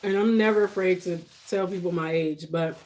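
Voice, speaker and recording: Livestream host, woman, forties, lowish voice, informal and reassuring advice-giver. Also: steady tone, normal speed, darkish tone, poor audio. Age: 40s. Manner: reassuring, conversational advice-giving. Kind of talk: casual livestream chat with viewers.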